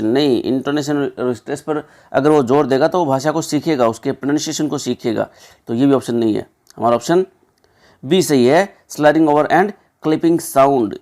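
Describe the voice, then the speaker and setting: A young man working through exam questions as a teacher, chatty, often checking in with listeners, reading options slowly before explaining them. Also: mid-range voice, a little mellow. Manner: conversational, repeats "ठीक है" and "दोस्तों"; reads English options slowly, then explains.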